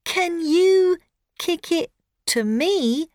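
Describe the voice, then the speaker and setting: A woman's voice: extremely high pitch, animated, very slow, a little mellow, no echo, clean studio sound, voice pushed up, full character voice. A woman voicing a cheerful young girl in a storybook read for learners, eager and sing-song.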